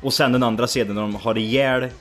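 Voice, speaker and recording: A man's voice: medium pitch, fairly even intonation, faint music behind. A young man chatting loosely about films, asking questions and swearing casually. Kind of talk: casual chat.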